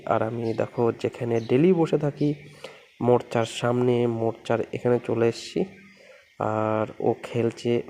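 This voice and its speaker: A man with a mellow, slightly gravelly voice talks softly into a phone camera at home, narrating his baby's play in a relaxed, repetitive way. A faint room hiss sits under his voice. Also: medium pitch. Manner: gentle, repetitive running commentary, coos to the baby. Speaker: vlogger filming his baby. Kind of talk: casual vlog narration.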